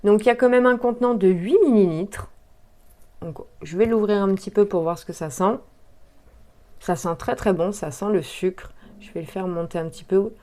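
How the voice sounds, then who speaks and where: A woman talks her viewers through an unboxing in a casual, chatty way. She often hesitates and fills pauses as she goes, in an easy vlog tone. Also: medium pitch, warm tone. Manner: chatty, hesitant, many fillers. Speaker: beauty vlogger.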